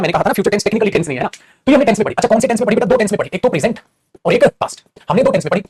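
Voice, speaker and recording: A man's voice: high-pitched, a little mellow, slight background noise. A man with an Indian accent teaching an English grammar lesson, playfully acting out little dialogues and calling his students "beta". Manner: calls listeners "beta". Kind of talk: classroom grammar lesson mixing Hindi and English.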